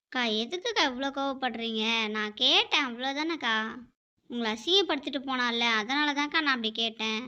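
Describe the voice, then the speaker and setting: A woman's voice: sits high, expressive, a little fast, sharp tone. Woman doing a nosy, prying neighbor. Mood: defensive. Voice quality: wheedling, prying. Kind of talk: animated cartoon dialogue. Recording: dull lo-fi audio.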